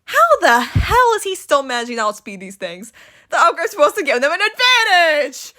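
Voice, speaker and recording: A woman's voice: sits high, very animated, a little fast, bright, forceful tone, exaggerated voice. A woman voicing a smug, scheming male villain who commands drones. He talks in a theatrical, taunting way and turns exasperated when things go wrong.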